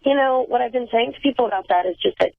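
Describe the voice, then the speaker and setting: A woman's voice: fairly high pitch, rapid-fire, creaky, dry recording. A woman calling in as a guest, talking in a wry, articulate, self-deprecating way in a groggy morning voice. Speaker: phone-in guest. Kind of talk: casual phone chat. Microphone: telephone. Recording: tinny phone line.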